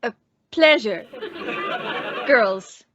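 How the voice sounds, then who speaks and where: A woman's voice: fairly high pitch, animated, drawn-out words, a crowd in the background, noisy background. A woman playing a polite, droll professor neighbour who delivers dry jokes in an old-time radio comedy. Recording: dull, lo-fi, dry audio.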